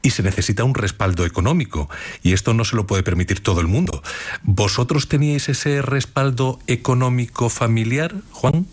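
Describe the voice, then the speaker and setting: A man's voice: medium pitch, moderate pace. A man moderating a panel discussion, speaking in a conversational, reflective way.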